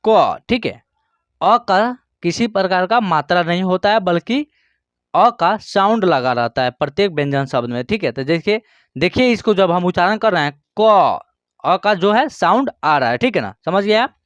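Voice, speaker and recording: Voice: medium pitch, animated, normal speed, no echo, muffled recording. A teacher giving a beginner alphabet lesson. They explain patiently, check in with the learner constantly, and drill syllables aloud one by one.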